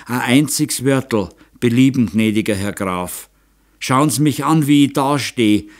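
A man's voice: medium pitch, unhurried, lightly acted. A man voicing an anxious old peasant father with a Bavarian accent, pleading. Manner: pleading, dialect speech.

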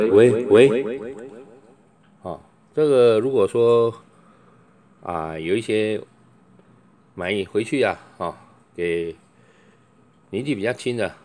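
A man demonstrating microphones in a loose, chatty way, filling pauses with a drawn-out "oh" and calling into each mic to test it. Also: lowish voice, lively intonation, a little mellow. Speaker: microphone seller. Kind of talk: product demonstration.

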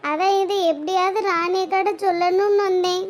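A woman voicing cartoon village women in rapid gossiping dialogue. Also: very high-pitched, fairly even intonation. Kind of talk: cartoon voice acting.

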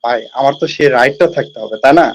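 A man's voice: mid-range voice, fast, slight background noise. A man calling into a heated live debate, insistent and arguing from scripture. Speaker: debate caller. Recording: muffled lo-fi call audio.

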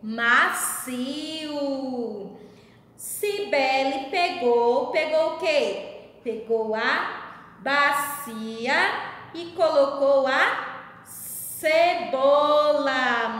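Slow, patient teacher woman in an echoey room. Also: high voice, a bit bright. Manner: slow, patient, sing-song teacher talk, stressing syllables. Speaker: primary school teacher. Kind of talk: video lesson for young children. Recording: very echoey room with long reverb.

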